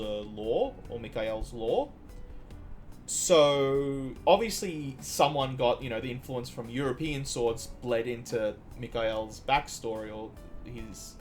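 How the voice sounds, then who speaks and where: A man from Iceland streaming a game, chatting casually and drifting into long trivia asides with frequent restarts. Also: medium pitch. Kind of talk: casual gameplay commentary.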